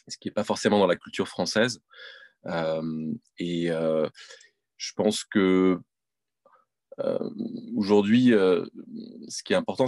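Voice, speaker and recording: A man's voice: deep voice, dry recording. A man answering interview questions as a guest, thinking aloud with many hesitations. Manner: hesitant, many fillers and restarts. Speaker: podcast guest, entrepreneur and mentor. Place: home in Paris.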